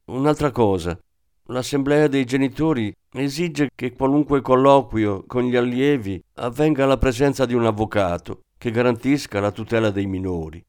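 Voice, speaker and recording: A man's voice: medium pitch, moderate pace, a little mellow, clear, resonant tone, natural voice. Casting: man as a formal, insistent school principal, plain audiobook read. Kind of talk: audiobook reading.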